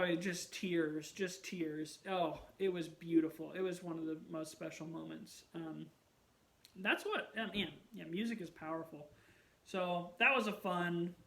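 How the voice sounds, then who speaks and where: A man vlogging in a casual chat, telling rambling, gushing stories about concerts with animated bursts of excitement. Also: sits high.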